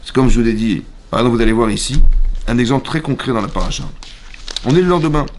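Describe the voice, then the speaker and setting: A man teaching a lively Torah class in a synagogue, acting out shouts and sounds and questioning his listeners. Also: medium pitch, fast, slight background noise. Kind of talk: animated Torah lesson.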